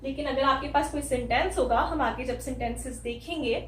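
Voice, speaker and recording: An Indian woman teaching an English lesson, spelling out sounds letter by letter in a slow, careful way. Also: high-pitched, a bit bright, echoey room, recorded from a distance, a little hiss or hum, rough recording. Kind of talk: spoken language lesson.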